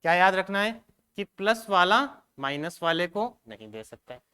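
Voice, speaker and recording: A male teacher, giving an exam-prep science lesson, asking questions and answering them himself, checking often whether it is clear. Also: sits high, big pitch swings, moderate pace, bright, forceful tone.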